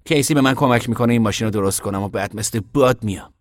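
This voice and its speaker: A man voicing a steady, practical young man who lays out plans in an audiobook reading. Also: fairly low pitch, no echo, clean studio sound, voice pushed up, natural voice. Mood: explaining. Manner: level-headed, explaining plans. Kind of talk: audiobook character voice.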